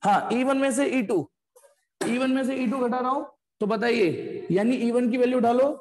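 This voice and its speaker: A man's voice: very high voice, moderate pace, noisy background. A man teaching a physics class online, explaining step by step and breaking off to scold students bluntly. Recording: echoey room with long reverb.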